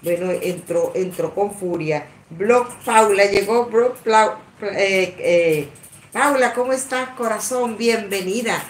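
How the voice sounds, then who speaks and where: A woman chats on a livestream in an unhurried, drawn-out way, calling her viewers sweetheart and laughing between words. Her voice rings in an echoey room with a faint hiss of background noise. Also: mid-range voice, recorded from a distance. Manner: affectionate, chatty, laughs often, many restarts. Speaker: livestream host greeting viewers. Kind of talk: casual livestream chat.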